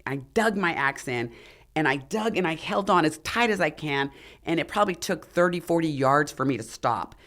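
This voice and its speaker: A middle-aged woman, a former figure competitor and mountaineer, is a guest on a podcast, telling a dramatic story in a casual interview. She's animated and acts out what other people said, speaking in a low voice at normal speed.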